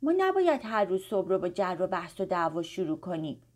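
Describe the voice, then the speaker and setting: A woman's voice: high-pitched, lively intonation, a bit bright, pitched above the performer's own voice. A woman voicing a petulant, complaining schoolboy, the older brother in a children's story. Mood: thoughtful. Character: schoolboy, grumpy older brother who turns kind.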